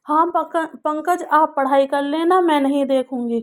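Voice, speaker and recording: A woman's voice: high-pitched, steady tone, a little slow. A woman voicing a devoted, caring young woman speaking anxiously in a storybook tale. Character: young woman, devoted, tearful best friend.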